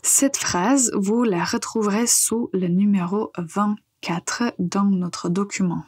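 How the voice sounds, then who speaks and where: Slow, breathy-voiced woman teaching French. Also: medium pitch, darkish tone. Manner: slow, patient, with frequent hesitations. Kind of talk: podcast language lesson.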